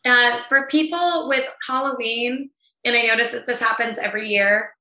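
Bright-voiced chatty woman on a call. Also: fairly high pitch, fairly even intonation. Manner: chatty and laid back, quick to laugh. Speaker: guest, event planner. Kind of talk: casual interview chat. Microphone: video call. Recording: echoey room.

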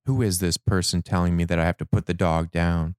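A man reads from his personal dream journal in a slow, measured, reflective way. His voice sits very low and sounds clean and resonant. The recording is dry and close, with no room sound. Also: steady tone, darkish tone, clean tone, no echo. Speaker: narrator.

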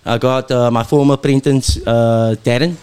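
A man's voice: medium pitch, steady tone, moderate pace, a little mellow, smooth. A man in his early forties with a South African accent, a chef talking in a radio interview, fired-up and preachy, dropping "bruh" often. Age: 40s.

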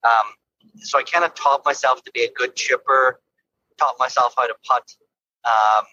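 A man with an Irish accent, a golf coach from Ireland, chats easily from his car during an interview, laughing often and repeating words. His mid-range voice is bright and forceful, with a steady tone and moderate pace. The recording sounds muffled.

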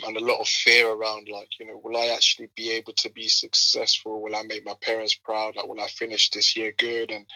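A man's voice: mid-range voice, dry recording, low-quality recording. A man in his twenties with an urban London roadman accent, telling stories casually in slangy, conversational speech as a podcast guest. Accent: London, urban multicultural roadman slang. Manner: slangy, animated retelling with quoted exchanges. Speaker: podcast guest, running group co-founder.

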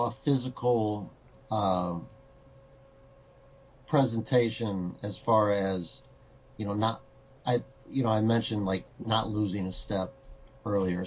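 Male podcast co-host, husky and unhurried, jokey, muffled recording. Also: on the low side, a little mellow. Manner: halting, filler-heavy, jokey. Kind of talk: casual chat.

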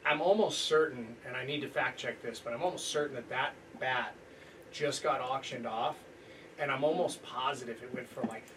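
A man's voice: mid-range voice, normal speed, fairly bright tone, recorded from a distance. Male podcast host, casual sports chat, rambling, heard from off-mic with faint noise. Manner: rambling, lots of restarts and laughter.

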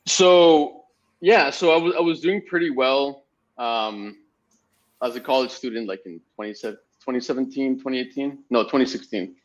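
Podcast guest: young man from Spain, chatty and meandering, mid-pitched, slightly dull lo-fi sound. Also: moderate pace. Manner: rambling storytelling with frequent fillers. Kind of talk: casual podcast interview.

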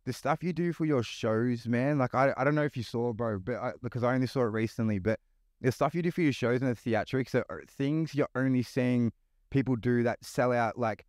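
A man's voice: medium pitch, fairly quick, darkish tone, no room sound, clean studio sound. A man hosting a casual podcast interview in hyped frat-bro style, swearing and calling people "bro" constantly. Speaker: podcast host.

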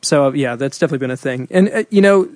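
A man co-hosting a casual chat, explaining singing and warm-ups in a rambling way with many fillers and restarts. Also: a little high, very fast, no room sound. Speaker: singer and podcast co-host.

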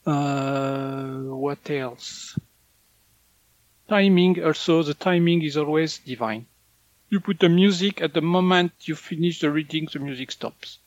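A man, in English, recounts strange experiences as an interview guest. His voice sits a little high, and he slips into playful acted quotes with laughter. The recording is dry and slightly muffled. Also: a little slow, no room sound. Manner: animated storytelling, acts out quotes with laughter. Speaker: medical intuitive guest. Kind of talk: casual interview chat.

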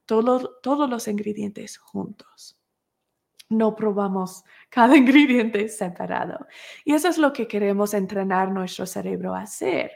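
A woman's voice: medium pitch, vocal fry, a little mellow. A woman teaching a class, explaining with everyday examples and repeating words for emphasis. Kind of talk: recorded class lesson.

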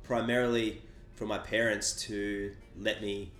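Australian man, interview guest, low voice, measured and reflective, echoey room with faint music. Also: little pitch movement, fairly bright tone. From Sydney, Australia. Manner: measured, reflective, explains at length. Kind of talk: conversational storytelling. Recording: roomy echo with faint music.

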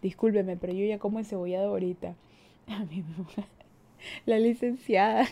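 A woman's voice: mid-range voice, steady tone, normal speed, mellow. A young woman in her twenties with an Ecuadorian Spanish accent, chatting casually as a podcast host, reading listener comments and laughing often at herself. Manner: giggly, self-mocking, laughs often.

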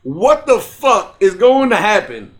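A man's voice: sits high, sing-song, a little slow. A man chatting casually as a podcast co-host, streetwise and slangy, telling stories peppered with repeated tags. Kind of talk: casual chat, storytelling.

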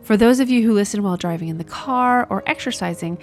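A woman's voice: medium pitch, quick pace, soft background music. A woman hosting a podcast, reading a welcoming scripted introduction. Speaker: podcast host.

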